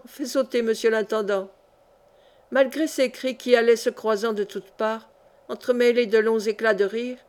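A woman narrating a historical novel as an audiobook in a clear, even-paced reading. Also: a little high. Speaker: audiobook reader.

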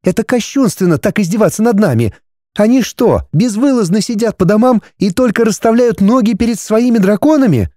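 An indignant, tart young woman, as a male reader puts her on in a storybook reading, her voice pushed well up and full of outrage. Her voice swings lively from line to line. It sounds dry and close, with no room around it. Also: a little fast, no echo. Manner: high, tart and exclaiming. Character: young woman heroine, modern, indignant and sharp-tongued.

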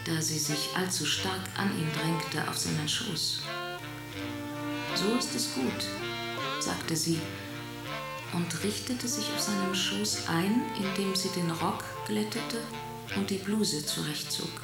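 A woman reading scripted narration for a radio drama in a measured, literary way. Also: fairly low pitch. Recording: echoey, with loud music.

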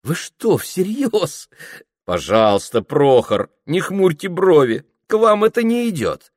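A playful young woman, voiced by a male audiobook reader, lifts her voice high and bright as she teases and mocks. The sound is close and dry, with no room around it. Her lilt rises and falls in a light, mocking way. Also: sing-song, slow pace, no room sound, exaggerated voice. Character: teasing, laughing young woman. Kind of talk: audiobook character reading.

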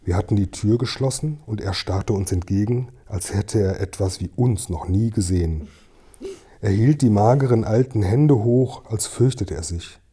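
A man narrating a children's story as an audiobook in a calm, measured way. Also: on the low side, breathy edge. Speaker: audiobook reader.

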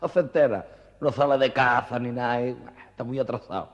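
A man's voice: medium pitch, brisk, close to an everyday voice. This is a man voicing a bragging know-it-all who needles his friend. The voice is lifted and mocking. It comes from an old, muffled cassette with a reverberant tail. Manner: raised, mocking and sure of himself.

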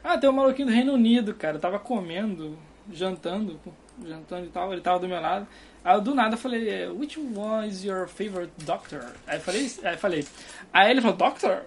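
A young Brazilian guest with a Carioca accent chats casually from his dorm room, rambling and laughing often. His voice sits high, with lively intonation and a brisk pace, and a faint hiss or hum runs under the recording.

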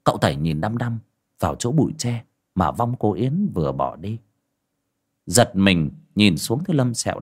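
A man narrating a horror story in a dramatic, animated manner. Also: lowish voice, moderate pace, husky. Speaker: audiobook narrator.

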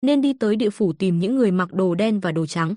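A woman voicing a calm, firm young female exorcist who speaks gently but with authority. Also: mid-range voice, quick pace, no echo, clean studio sound, natural voice.

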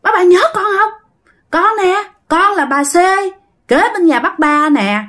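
A woman's voice: very high voice, expressive, a little slow, fairly bright tone, pitched above the performer's own voice, exaggerated voice. A woman with a Southern Vietnamese accent voicing the ghost of a young girl who pleads and then threatens, repeating herself. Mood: pleading.

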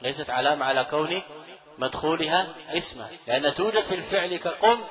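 A man's voice: fairly high pitch, fast talker, crowd noise, rough recording. A man teaching a grammar lesson in a classroom lecture style, explaining step by step, repeating key phrases, asking his students rhetorical questions and chuckling often as he goes. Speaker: Islamic scholar teaching Arabic grammar.

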